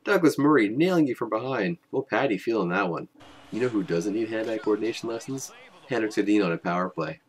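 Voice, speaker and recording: A young man giving joking, wry play-by-play voice-over of game highlights. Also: lively intonation, fairly quick, noisy background. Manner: wry, joking, self-mocking. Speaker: highlights commentator.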